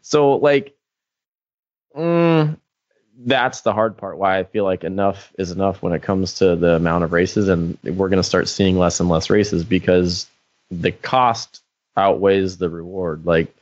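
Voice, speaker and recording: Low-voiced man, rambling casual podcast chat. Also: fairly even intonation, normal speed, no echo, highs cut off. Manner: rambling, peppered with "like". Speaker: podcast co-host.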